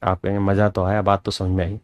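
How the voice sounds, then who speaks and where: A man teaching an arithmetic class, lively and coaxing, often asking his students whether they follow. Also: low-pitched, quick pace, dry recording. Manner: lively, calls students "my dear children", rhetorical questions. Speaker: maths teacher. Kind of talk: classroom maths lesson.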